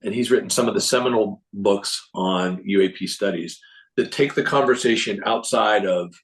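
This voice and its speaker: A man giving a casual, rambling recap of a symposium to a group, often clearing his throat and restarting sentences. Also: on the low side, moderate pace, rough recording. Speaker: presenter reporting on a symposium.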